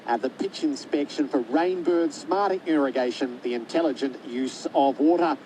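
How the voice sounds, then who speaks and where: Smooth Australian radio host, noisy feed. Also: male voice, fairly high pitch, moderate pace. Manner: reads sponsor lines and sets up the play. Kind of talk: live radio sport broadcast.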